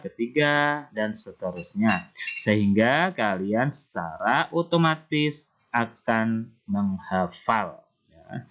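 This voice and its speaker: A male primary school teacher with an Indonesian accent, patiently explaining Quran recitation rules to children and chanting verses slowly. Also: mid-range voice, a bit bright. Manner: slow, patient explaining, often starting with "nah".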